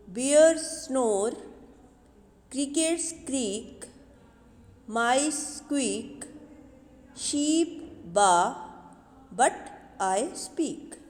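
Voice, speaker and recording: Slow-speaking teacher woman in an echoey room. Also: a little high, a little mellow. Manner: slow, explains each word twice. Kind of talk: bilingual English lesson for young children. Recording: echoey room with long reverb.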